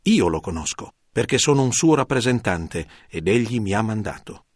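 A man reading the lines of a calm, authoritative male teacher in a measured, solemn scripted Bible reading. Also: lowish voice, no echo, clean studio sound, close to an everyday voice.

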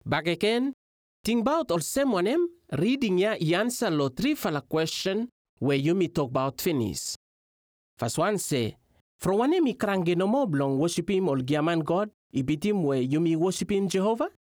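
Animated man teaching in Melanesian pidgin. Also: high voice, moderate pace, no echo, studio quality. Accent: Melanesian pidgin, Vanuatu. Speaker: religious teacher. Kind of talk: Bible teaching talk.

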